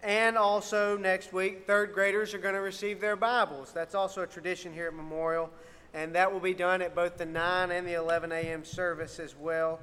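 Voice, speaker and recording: Male youth minister, upbeat and informal, high-pitched, giving announcements in a reverberant church hall. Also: flat delivery, moderate pace, sharp tone, clear, resonant tone. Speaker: youth minister and worship music helper. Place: church sanctuary, amplified. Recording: echoey hall with long reverb.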